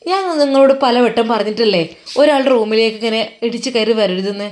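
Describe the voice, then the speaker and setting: A woman's voice: fairly high pitch, fairly even intonation, brisk, natural voice. A woman voicing a sulky, dismissive young bride who snaps irritably. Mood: irritated. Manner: snapping, irritated complaints.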